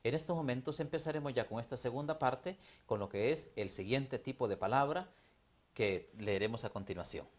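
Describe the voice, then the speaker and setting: A man's voice: mid-range voice, expressive, moderate pace. Honduran guy cohosting a tv class, formal, talks right to the viewers. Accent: Honduran Spanish. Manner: formal, addresses the audience. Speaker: teacher co-host. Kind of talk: educational TV lesson.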